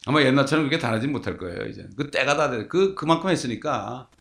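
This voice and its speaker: A man's voice: medium pitch, expressive, fast, vocal fry, fairly bright tone. A male pastor preaching a sermon, telling stories and asking the congregation rhetorical questions.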